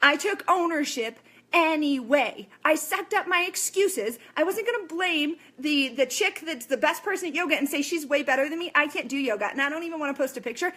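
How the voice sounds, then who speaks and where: Blunt high-voiced woman ranting. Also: lively intonation, fairly quick, fairly bright tone. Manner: blunt, swears, lots of "okay?" and "guess what?". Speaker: fitness coach. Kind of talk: ranting motivational vlog.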